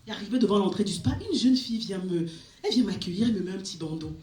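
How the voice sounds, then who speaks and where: A woman performs stand-up comedy, telling a story in an animated way and jumping to shrill peaks. Her voice rings around a reverberant club. A steady wash of crowd noise sits behind her. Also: very fast. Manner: animated storytelling, shrieking at punchlines. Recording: echoey club with audience noise. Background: audience laughter.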